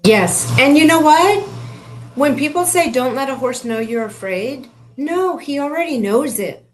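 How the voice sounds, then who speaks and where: A woman's voice: high-pitched, animated, a little slow, faint music behind. A woman who coaches people with horses, speaking earnestly and affirming her partner in a casual interview.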